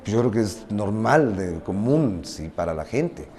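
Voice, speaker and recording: A man's voice: fairly low pitch, sing-song, measured pace, background noise. A man answering in an interview in a defensive, insistent way.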